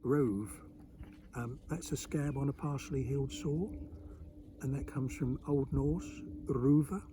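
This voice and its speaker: A man's voice: medium pitch, fairly even intonation, moderate pace, mellow, a little hiss or hum. A man with an East Anglian Suffolk accent giving an informal, emphatic explanatory talk on dialect as a colloquial expert.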